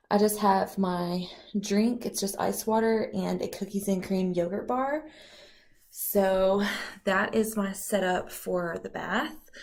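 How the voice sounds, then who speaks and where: A young pregnant woman vlogging casually from her bathroom, chatty with lots of ums and now and then slipping into soft whispers, a little out of breath. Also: medium pitch. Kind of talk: casual beauty vlog chat. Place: bathroom at home, indoors.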